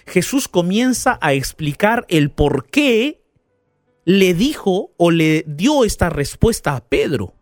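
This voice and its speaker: Lively male pastor preaching. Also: sits high, slow, no echo, clean studio sound, soft background music. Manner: animated storytelling, asks the listener questions. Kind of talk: radio sermon.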